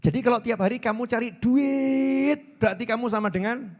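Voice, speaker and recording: A man's voice: very high voice, moderate pace, long reverb tail. A man, preaching a sermon in a playful way and repeating words for emphasis. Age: 40s.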